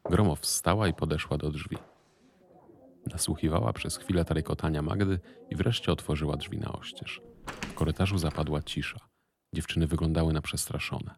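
A man narrating an audiobook in a steady, even reading voice. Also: very deep voice, moderate pace.

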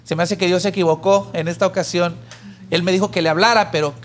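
Soft background music plays as a high-pitched man talks fast, co-hosting a church podcast and telling a parable in a conversational teaching style. He narrates with animation, raising his voice for the pleading character.

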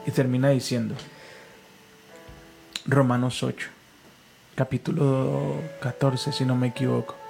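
A man with a gravelly, dark, medium-pitched voice, recorded with poor audio, is a pastor and podcast host. He preaches casually and fervently, telling stories and leading a call-and-response prayer.

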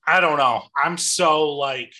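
A man's voice: a little high, slow pace, pushed and bright. A man co-hosting a podcast, talking casually about movies with enthusiasm and frequent swearing. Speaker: podcast co-host.

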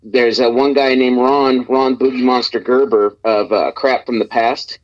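Over a dull, muffled speakerphone line, a radio-show guest from Nebraska rambles easily, stopping and restarting with plenty of fillers. His medium-pitched voice is steady and a little slow.

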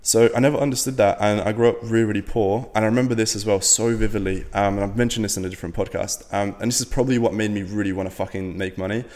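A man's voice: fairly low pitch, steady tone, racing, hardly any pauses, a little mellow, long reverb tail. A young man from Latvia, a podcast guest, chatting casually in a rambling way with lots of fillers and the odd swear word. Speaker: podcast guest, business owner.

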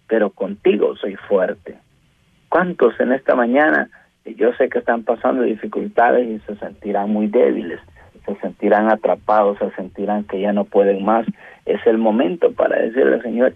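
Brief: male radio preacher, fervent, husky and gravelly, heard over a narrow phone-like line. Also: lowish voice, dry recording. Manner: fervent, addresses listeners as brother and sister, rising rhetorical questions. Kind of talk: radio sermon.

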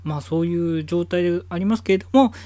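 A man's voice: high voice, fast, mellow, no echo. A man hosting his own podcast from home, rambling casually with many fillers. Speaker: podcast host. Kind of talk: casual solo podcast talk.

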